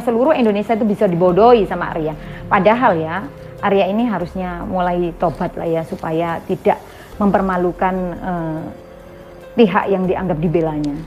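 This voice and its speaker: A woman hosting an online commentary, accusing someone and addressing her viewers directly. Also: mid-range voice. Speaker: commentary channel host.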